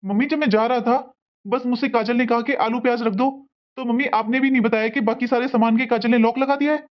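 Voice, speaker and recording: A woman's voice: a little high, fairly even intonation, quick pace, lightly acted. A woman playing a grown son who scolds his wife and apologises to his mother in a family drama. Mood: remorseful. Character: grown son, angry then remorseful. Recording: dull lo-fi sound.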